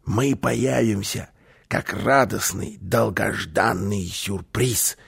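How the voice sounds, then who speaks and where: A man voicing Karlsson, a boastful, mischievous little man who talks loudly and bosses others around in a storybook reading. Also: medium pitch, moderate pace, creaky, breathy edge, exaggerated voice. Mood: hushed scheming. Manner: loud, excitable, commanding.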